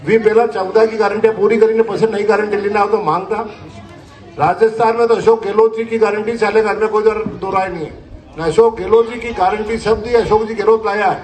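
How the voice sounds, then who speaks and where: Man, Rajasthani accent, high voice, rustic and rambling campaign speech, recorded from afar. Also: fairly even intonation, a little fast, darkish tone, recorded from a distance. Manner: rustic, rambling, repeats himself. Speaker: politician.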